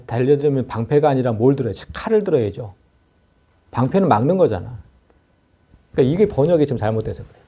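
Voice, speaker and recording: Pastor preaching expository sermon; warm low timbre, swinging pitch, acts out scolding lines. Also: male voice, dull audio. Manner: lively expository preaching, acts out scripture speakers in a scolding informal tone. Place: church.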